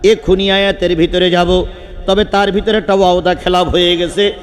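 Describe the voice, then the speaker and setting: At an outdoor gathering, a man delivers a Bengali waz sermon into a microphone, telling stories with animated force, shouting at the high points and putting questions to the crowd. His voice sits high, his pace is normal, and the sound is big and roomy.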